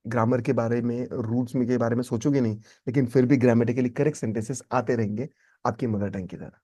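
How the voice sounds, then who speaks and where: A man's voice: mid-range voice, warm tone, breathy edge. A man teaching a spoken English lesson, emphatic and repeating his key points.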